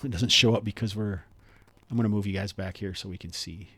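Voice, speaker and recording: A man's voice: fairly low pitch, fairly even intonation, fairly quick, fairly bright tone, husky, dry recording. A man running a live tabletop game as game master, explaining rules in a chatty way with lots of fillers.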